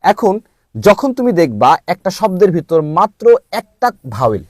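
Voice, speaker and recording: A man teaching English pronunciation, spelling out letters slowly before saying each word. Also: high-pitched, big pitch swings, a little mellow, no room sound, studio quality. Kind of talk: slow spelled-out phonics lesson.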